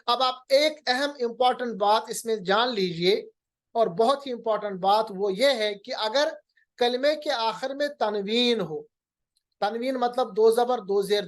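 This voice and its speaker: Slow, patient man teaching recitation rules. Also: sits high. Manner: patient, repeats each rule and slowly sounds out examples. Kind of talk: recorded lecture lesson.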